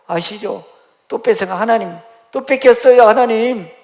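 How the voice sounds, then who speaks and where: Preacher putting on a distressed old patriarch, high and wailing, gravelly edge, long church reverb. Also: male voice, normal speed, a little mellow. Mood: pleading, aggrieved. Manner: wailing, complaining to God.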